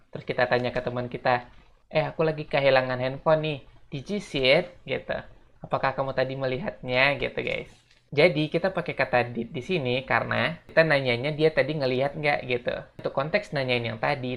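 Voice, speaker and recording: A casual language teacher explaining everyday phrases, slowing down to model each one and often tagging "gitu, guys". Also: medium pitch, gravelly, a bit bright. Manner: slows down to model English phrases. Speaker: English teacher.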